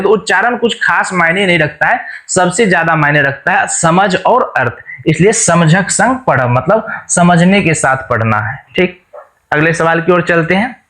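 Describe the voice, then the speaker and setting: A man with a high-pitched voice gives an exam-prep lesson. He works through each question, explains it, and then repeats it in simpler words. He keeps checking back with his viewers as he goes. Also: sharp tone. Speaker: teacher.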